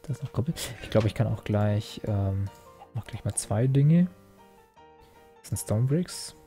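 Gravelly young man rambling over gameplay. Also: on the low side, lively intonation, unhurried, warm tone, soft background music. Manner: rambling, self-mocking, frequent fillers and restarts. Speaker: Let's Play host. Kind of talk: casual gameplay commentary.

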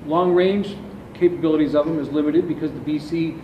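This interview guest, a middle-aged founder of an ammunition company, has a slightly high voice with a steady tone and a brisk delivery. He answers questions about his business at length, gesturing with his hands, inside a big warehouse with shelving. A distant camera records him, leaving the audio echoey, dull, and full of clear background noise.

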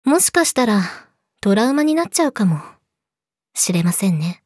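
A young woman playing a yandere girlfriend in a role-play audio drama, politely sweet, possessive and menacing, slipping into breathy whispers, close to the mic. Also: fairly high pitch, big pitch swings, moderate pace, darkish tone, no room sound. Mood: teasing, domineering. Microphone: close studio mic, dry.

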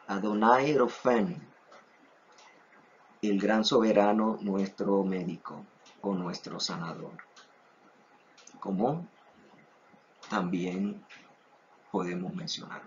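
A low-voiced man teaches a class at an unhurried, careful pace, repeating each word three times for his students. His voice is a little husky, and the recording sounds dull and lo-fi. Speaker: Hebrew teacher. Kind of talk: online class lesson.

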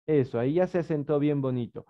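A woman's voice: sits low, quick pace. A woman with an Ecuadorian Spanish accent, teaching young children in an online class over a video call, patient and coaxing, with many diminutives. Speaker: primary school teacher. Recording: muffled video-call audio.

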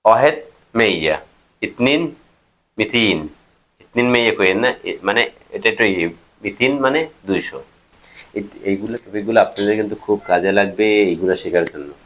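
A man giving a casual spoken language lesson, repeating each word slowly and checking that viewers are writing it down. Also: lowish voice, lively intonation, a bit bright, a little hiss or hum. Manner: repeats words slowly for learners, asks if they are writing. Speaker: language teacher vlogger.

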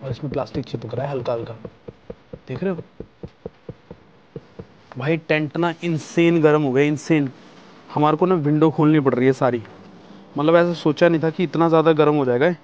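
A man chatting excitedly to camera from inside a small tent with a wood stove, slipping English words into his talk. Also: on the high side, normal speed, long pauses, lo-fi sound. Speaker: camping vlogger. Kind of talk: casual chat to camera.

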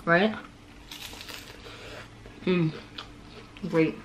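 A woman's voice: lowish voice, drawn-out words, lo-fi sound. Young woman vlogging in her kitchen, talks between bites, camera up close, faint room hum. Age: young adult. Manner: chatty, eats on camera between remarks. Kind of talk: casual chat while eating. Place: home kitchen, indoors. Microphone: camera on table at close range.

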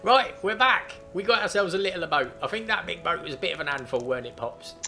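A man's voice: a little high, lively intonation, quick pace, creaky, pushed and bright, soft background music. A man hosting a casual game stream, coaxing and playful as he guides a child. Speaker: gaming channel host. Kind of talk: casual let's-play chat with a child.

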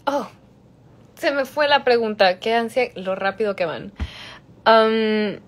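On a phone livestream, a young woman fields fan questions, reading them aloud and hopping between Spanish and English with lots of laughter. Her voice is on the high side and she takes her time, keeping the casual Q&A chatty and giggly.

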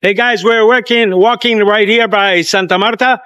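An older man hosting a walking tour vlog outdoors on city streets, filmed with a handheld camera at arm's length, pitching his tours to viewers with enthusiasm. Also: steady tone, normal speed, loud music behind the voice. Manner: enthusiastic salesy asides to viewers. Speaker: tour guide.

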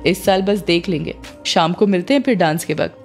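A woman voicing a shy, doting young woman who speaks softly and hesitantly in a storybook reading. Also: fairly low pitch, a little fast, faint music behind, close to an everyday voice.

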